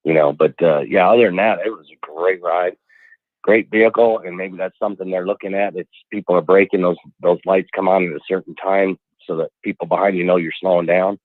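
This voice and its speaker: A man phones in to a radio show, and his voice arrives thin and tinny over the phone line. He talks in a chatty, enthusiastic way, in a fairly low voice that sounds close and dry. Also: steady tone, fairly quick, no room sound. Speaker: caller. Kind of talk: casual call-in chat.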